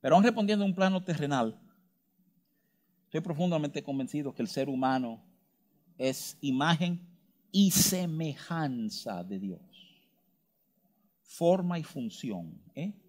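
High-voiced man preaching emphatically. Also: expressive, a little mellow. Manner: emphatic, with frequent rhetorical tag questions; shifts between fast asides and slow, stressed words. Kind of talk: sermon.

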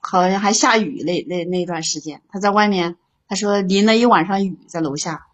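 A woman's voice: lowish voice, brisk, lo-fi sound. A woman calling into an advice show, telling her own story with stammering repeats. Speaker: caller.

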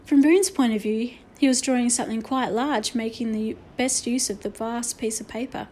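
A woman narrating a children's book in a steady, expressive storytelling manner. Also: a little high, moderate pace. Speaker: audiobook narrator.

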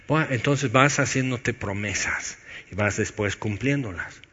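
A man preaching a sermon, moving between loud urging and hushed, low-voiced emphasis. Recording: dull sound with long hall reverb.

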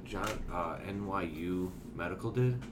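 A man's voice: low-pitched, unhurried. A man in his forties chatting casually, loose and profane, often trailing off and restarting. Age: 40s. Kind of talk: casual chat. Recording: roomy with background noise.

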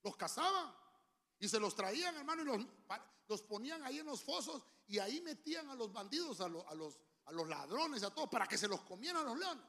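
A man preaches in a church through a handheld mic. His voice sits high and bright, and it swings widely in pitch. He is dramatic and joking by turns, and breaks into shouts for emphasis. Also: very animated, a little fast. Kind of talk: sermon. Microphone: handheld microphone.

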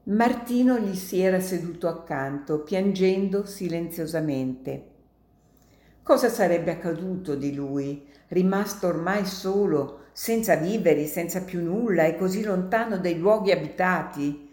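A woman reading an adventure story aloud in a slow, measured way. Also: on the low side, mellow, roomy sound.

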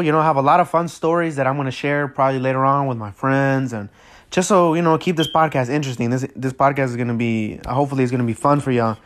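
A teenage boy from Mexico hosting his first solo podcast episode, talking casually and nervously with lots of fillers and restarts, without a proper mic. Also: mid-range voice. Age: teens. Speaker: podcast host.

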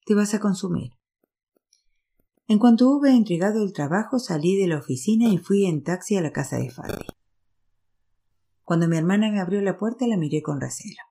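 A woman's voice: mid-range voice, expressive, brisk, dark tone, breathy edge. A woman narrating a novel in the first person, reading steadily.

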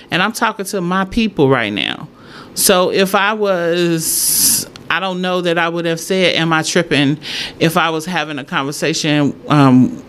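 A woman chatting casually to followers as a host, thinking aloud and repeating her points for emphasis. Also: fairly low pitch. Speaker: solo host. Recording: clear background noise, room ambience.

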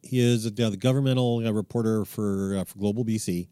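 Mellow dry-sounding guy, podcast cohost, kinda teasing. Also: lowish voice, fairly even intonation, fairly quick, clear, resonant tone, dry recording. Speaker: podcast co-host. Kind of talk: casual political chat.

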